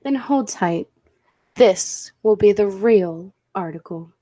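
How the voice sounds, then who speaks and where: A woman playing a bold, absorbed professor and inventor in a 1940s-style radio play, with a deliberate, commanding, theatrical delivery. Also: medium pitch, animated, warm tone. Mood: excited, commanding. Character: Dudley, bold, absorbed scientist and professor inventor of a time machine.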